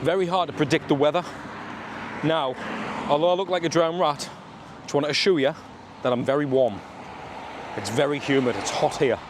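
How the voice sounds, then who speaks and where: A man's voice: on the high side, normal speed. Sunderland man vlogging over street noise. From Sunderland, north-east England. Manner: colloquial, matey, full of regional slang. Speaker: travel vlogger. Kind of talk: casual walking vlog chat to camera. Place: outdoors on a suburban street in the rain. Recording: outdoor street and traffic noise.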